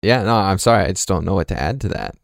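A man's voice: low voice, expressive, fast, gravelly, dry recording, studio quality. A man hosting an interview podcast, laid-back and reserved in a casual chat. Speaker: podcast host.

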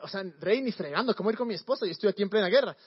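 A man's voice: high voice, rapid-fire, husky, muffled recording. A man voicing a loyal, stubborn soldier, earnest and slangy.

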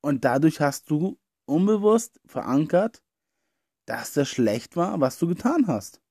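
A man's voice: a little high, very animated, a little slow, darkish tone, husky, no echo, studio quality. A man giving an earnest self-help talk, speaking straight to the listener and dropping in many "ja" and "äh" fillers as he goes. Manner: earnest, talks straight to "you", frequent "ja" and "äh". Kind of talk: explanatory monologue addressing the listener.

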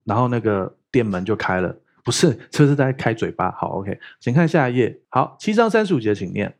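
A man's voice: on the low side, a little fast, gravelly. A male pastor, preaching a sermon in a playful, joking way. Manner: playful, joking, animated storytelling. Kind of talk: lively sermon teaching.

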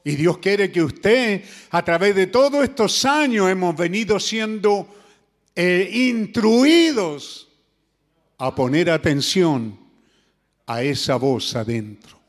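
A man preaching, with a notably high voice. He speaks earnestly and keeps turning to his listeners with rhetorical questions. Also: expressive, takes it slowly. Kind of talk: sermon.

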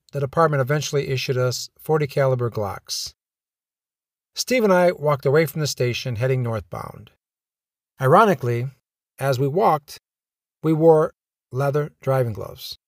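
A male podcast host tells his own story of police work in a wry, dryly humorous way. His voice sits in a middle pitch. It is recorded close to the mic with no room sound. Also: normal speed, no room sound. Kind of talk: first-person storytelling podcast.

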